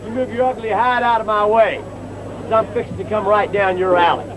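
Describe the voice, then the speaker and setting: A man's voice: high-pitched, steady tone, a little fast, lightly acted. A man playing a bossy, blustering Wild West sheriff in a live comedy western skit. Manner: bossy, hollering. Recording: dull live sound, crowd and outdoor noise.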